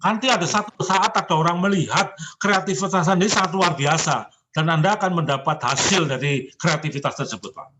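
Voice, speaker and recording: A man in his seventies with a fairly high voice, giving emphatic, encouraging personal readings. A faint hiss of noise sits behind him. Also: brisk. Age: 70s. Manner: encouraging and emphatic, often addresses the listener as sir. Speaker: zodiac fortune consultant.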